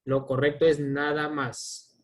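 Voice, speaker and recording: A man reads aloud for his class, taking it slow and deliberate. He calls out each example in turn with an even, careful delivery. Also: a little high. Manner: slow, deliberate reading of word pairs. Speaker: student reading examples aloud.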